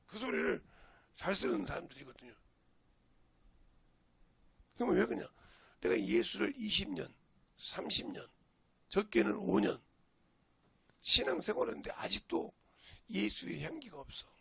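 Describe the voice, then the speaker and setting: A man's voice: sits high, very animated, moderate pace, vocal fry, long pauses, slightly rough, no echo. An older man with a Jeolla Korean accent, a pastor preaching a folksy, storytelling sermon with sudden emphatic rises. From Jeolla region, Korea.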